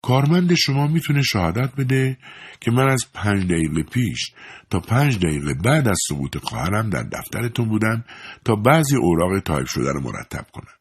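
A man voicing a calm, sly young woman in a storybook reading. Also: lowish voice, breathy edge, voice pushed up, full character voice. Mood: coolly mocking. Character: young woman, cold and mocking.

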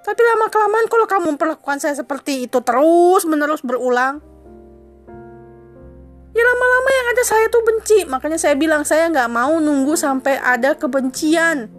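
A woman with a high, bright-toned voice delivers a wounded, accusing monologue to her husband. She presses each grievance with indignant repetition. Soft music plays faintly behind her. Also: expressive, normal speed. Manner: insistent repetition. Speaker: wife confronting her husband. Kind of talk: emotional dramatic monologue.

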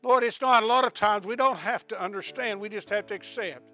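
A man preaches to his congregation, pressing the same questions again and again before he drops into a quiet prayer. His voice sits high and ringing, with a bright, forceful edge. A faint instrumental accompaniment plays softly under his words. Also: fairly quick, soft background music. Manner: rising to shouts of praise, then hushed prayer. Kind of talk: sermon with closing prayer.

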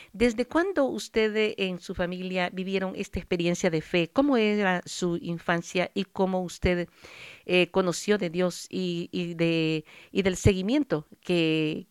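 A woman hosting a religious talk show, gently and formally interviewing a guest. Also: lowish voice, smooth. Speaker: host.

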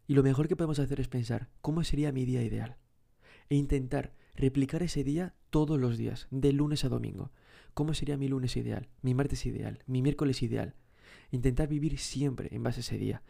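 A man delivers a self-help podcast monologue in a low, mellow voice with a gravelly edge. He keeps addressing the listener directly, piling up rhetorical questions and repeating key words to drive them home. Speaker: podcast host.

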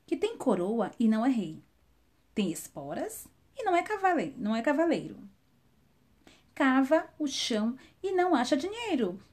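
A woman's voice: sits high, very animated, normal speed, a little mellow, pitched above the performer's own voice. A woman storyteller voicing a clever, charming young man who poses riddles in a singsong, teasing way. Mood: playful riddling. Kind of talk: children's storytelling.

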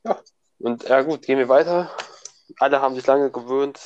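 A man's voice: medium pitch, moderate pace, a little mellow, highs cut off, a little hiss or hum. A young man, a student, in casual chat, slangy and laughing often, with many restarts. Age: young adult.

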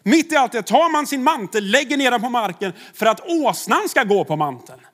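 A man's voice: very high voice, sing-song, a bit bright. A man, a pastor, preaching a sermon in a conversational way, with rhetorical questions to the congregation.

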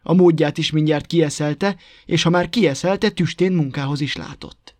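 A man narrating a folk tale as a storybook reader, with a lively, rhythmic telling on a close mic. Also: on the high side, dry recording. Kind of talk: storybook reading.

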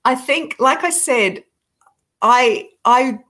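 A woman's voice: sits high, slow, fairly bright tone. Thoughtful middle-aged woman author. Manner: thoughtful, self-deprecating, frequent restarts. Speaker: author guest. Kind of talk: reflective interview talk.

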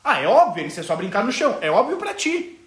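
A man's voice: high-pitched, very animated, fast talker, a bit bright, roomy sound. A man with a Brazilian accent giving a live parenting lesson, explaining step by step, checking in often and acting out the voices of parents and children. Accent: Brazilian Portuguese. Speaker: parenting educator. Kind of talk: live parenting lesson, answering viewer questions.

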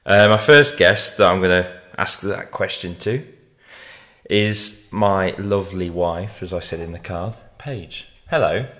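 A man with a fairly low voice hosts his podcast in a loose, chatty way. He rambles a little and fills pauses with "um" and "uh." His talk is casual and unscripted. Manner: relaxed, rambling with fillers. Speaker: podcast host.

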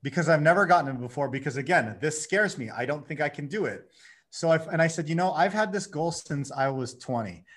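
A man in his thirties, a guest on a podcast, telling his story in a lively way and acting out his own inner dialogue. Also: a little high, fairly quick. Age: 30s. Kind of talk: casual conversation.

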